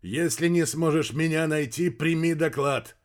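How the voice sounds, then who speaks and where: A man's voice: a little high, a little slow, voice pushed up, natural voice. A man voicing a stern, curt male admiral in an audiobook, barking short orders. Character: stern commanding male admiral, middle-aged. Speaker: audiobook character.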